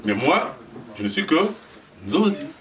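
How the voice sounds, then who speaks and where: A man's voice: fairly high pitch, huge pitch swings, measured pace, fairly bright tone. A man leading a dowry ceremony, speaking solemnly to the bride and guests with repeated, emphatic phrases and jokes. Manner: solemn, then joking with the crowd. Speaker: ceremony officiant. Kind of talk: addressing a crowd at a dowry ceremony. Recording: distant voice in a noisy crowd.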